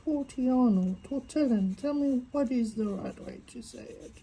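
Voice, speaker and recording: Talking to herself as she draws, a tangle art vlogger speaks casually and reflectively to her phone camera, stuttering now and then. Her voice sits on the high side, mellow and at a moderate pace, with a little hiss or hum in the rough recording.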